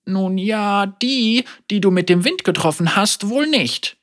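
A narrator putting on a high, wry old teacher woman. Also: lively intonation, unhurried, fairly bright tone. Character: elderly woman teacher and mother, wry, calm, teasing.

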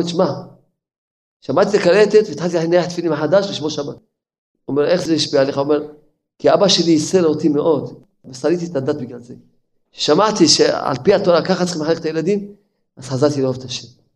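A man, an older rabbi, delivering an impassioned sermon, his voice leaping up in sudden outbursts and falling to low, quiet asides. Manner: impassioned, with sudden pitch leaps and drops to near murmur.

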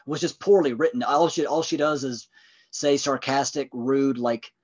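A man's voice: medium pitch, normal speed, a little mellow. A man chatting on a podcast through a somewhat dull, lo-fi microphone. He hedges and restarts often, repeating words before he lands his point. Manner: hedging, repeats words, mimics characters in quoted bits. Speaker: podcast co-host. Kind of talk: casual movie review chat.

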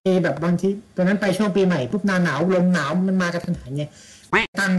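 A man's voice: high-pitched, fast talker, rough recording. Blunt slangy man, faint background noise. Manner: blunt, slangy, mocking impressions. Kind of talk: casual chat.

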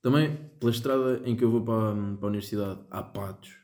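A young man with a European Portuguese accent chats in a slangy way among friends. His voice sits low and soft-edged, with a dark tone, and the room rings around it. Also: fairly even intonation, fast. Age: young adult. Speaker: podcast co-host. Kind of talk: casual chat among friends. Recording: roomy, echoing room sound.

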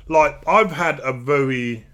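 A middle-aged man chats loosely as a podcast host. He rambles, often restarts his sentences and pokes fun at himself, in a voice of ordinary pitch. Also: takes it slowly, pushed and bright. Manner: rambling, restarts often, self-mocking asides. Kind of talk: casual podcast chat.

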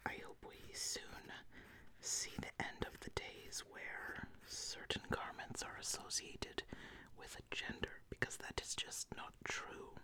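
A woman's voice: takes it slowly, sharp tone, poor audio. A woman in a whispered role-play as a fantasy tailor, musing hesitantly as she talks a client through a garment design. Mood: musing, approving.

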